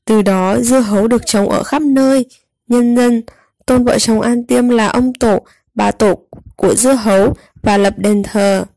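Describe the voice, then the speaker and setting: High-pitched woman reading children's stories. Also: steady tone, a little slow, creaky, warm tone, no room sound. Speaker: children's storyteller. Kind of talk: scripted storybook narration with quiz for young children.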